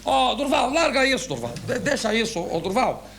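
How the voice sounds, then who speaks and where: A man's voice: extremely high pitch, lively intonation, fairly quick, a bit bright, a little hiss or hum, pitched above the performer's own voice, exaggerated voice. A Brazilian-accented man voicing an older, bedridden boss who patiently coaxes and calls everyone by a pet name. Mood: coaxing. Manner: calls everyone "my flower", coaxing.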